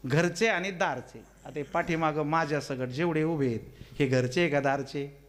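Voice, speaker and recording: A man preaching a kirtan sermon, telling humorous stories and questioning the crowd, swinging between loud exclamations and quiet asides. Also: a little high, normal speed. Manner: teasing, asks the audience questions.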